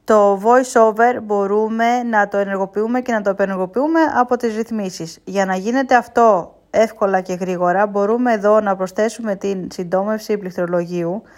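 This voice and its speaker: A woman giving a casual spoken tutorial, explaining step by step and pausing often with hesitation sounds. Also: mid-range voice, fairly even intonation, darkish tone. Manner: unhurried explaining with frequent hesitations. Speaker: instructor.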